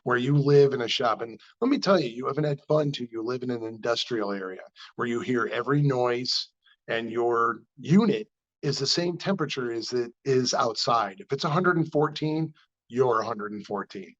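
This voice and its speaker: A New man with a mid-range voice spins shop stories in a relaxed interview, jumping up in pitch whenever he acts out what someone said. The recording sounds a little dull and lo-fi. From New York. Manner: animated storyteller acting out dialogue with quick pitch jumps. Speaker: car builder and shop owner. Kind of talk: casual storytelling interview.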